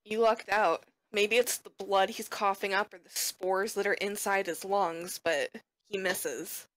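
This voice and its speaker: A woman running a tabletop game as game master, narrating slowly and descriptively. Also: medium pitch, fairly even intonation, a bit bright, rough recording.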